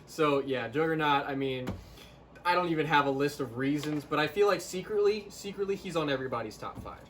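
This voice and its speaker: Man, casual chat, laid-back, fairly high pitch, faint background hiss. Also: fairly quick, fairly bright tone. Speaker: co-host.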